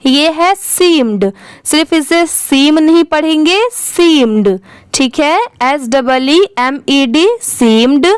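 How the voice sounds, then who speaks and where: A woman's voice: high voice, no room sound. A woman teaching English reading, spelling each word letter by letter, asking the viewer how to read it and then answering herself. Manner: spells words letter by letter, then blends them slowly; asks the viewer questions and answers them herself.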